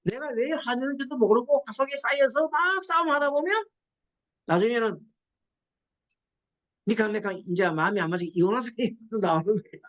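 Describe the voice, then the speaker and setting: A middle-aged woman, a Buddhist nun, gives a classroom lecture on psychology counseling, quizzing the class and acting out quoted dialogue. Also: mid-range voice.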